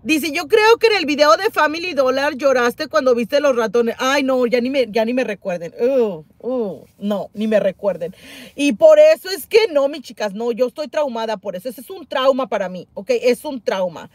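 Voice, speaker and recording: Speaking at a moderate pace with no room sound, a middle-aged woman runs a casual couponing livestream. She reads viewers' comments out loud, exclaims often and repeats herself, her animated voice rising high and loud.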